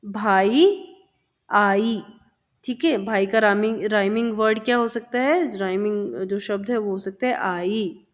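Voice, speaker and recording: A woman's voice: medium pitch, fairly even intonation, measured pace. A woman teacher explaining a children's textbook lesson, patiently repeating words and sounds for young pupils.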